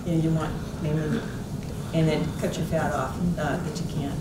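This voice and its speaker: An American woman giving an informal cooking demonstration in a folksy, unhurried way. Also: sits low, little pitch movement, noisy background. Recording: echoey room, distant mic, loud kitchen clatter.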